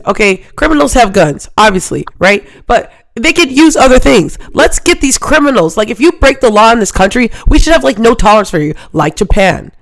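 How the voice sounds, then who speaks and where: A woman's voice: fairly high pitch, no room sound. A woman hosting a live call-in talk show, ranting in an emphatic, rambling way and often asking if listeners understand. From Hawaii. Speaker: show host.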